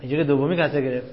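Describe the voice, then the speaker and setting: High-pitched male teacher, quizzing students, emphatic, dull lo-fi classroom recording. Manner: questioning students, repeating rules, emphatic. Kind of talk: classroom lecture on Arabic grammar.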